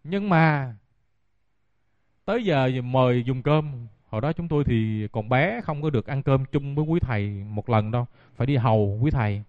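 A man's voice: mid-range voice, normal speed, no room sound. A man, a Buddhist monk giving a dharma talk and telling stories directly to his listeners. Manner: storytelling, addresses audience directly. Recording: dull dry lo-fi recording.

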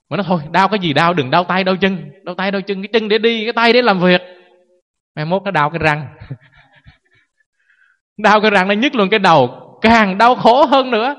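A man's voice: sits high, a bit bright. A man, a Buddhist monk giving a sermon, who keeps questioning his listeners and acts out people wailing. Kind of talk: dharma sermon. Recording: echoey hall, dull lo-fi sound.

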